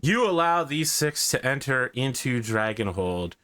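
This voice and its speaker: A man serves as game master for a tabletop fantasy session. His voice sits at an average pitch and is recorded dry, as he narrates and puts questions to players. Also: big pitch swings, unhurried, sharp tone, dry recording.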